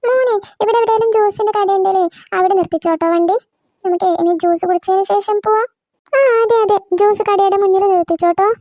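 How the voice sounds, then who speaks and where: A woman's voice: very high voice, steady tone, fast, dark tone, no echo. A woman voicing a fussy, complaining grandmother in a cartoon, with an impatient, scolding manner. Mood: bossy. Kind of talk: cartoon voice acting.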